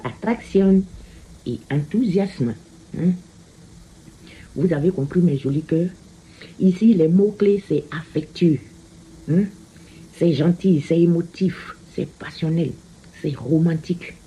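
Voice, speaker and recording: A woman giving a casual card reading, slow and repetitive, often tagging her phrases with a questioning "hein?". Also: low-pitched, muffled recording, slight background noise. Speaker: card reader.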